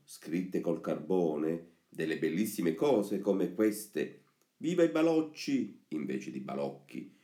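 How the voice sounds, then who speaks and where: Dark-voiced man narrating a fairy tale. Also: deep voice. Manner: expressive, rising on lively lists. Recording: roomy echoey recording.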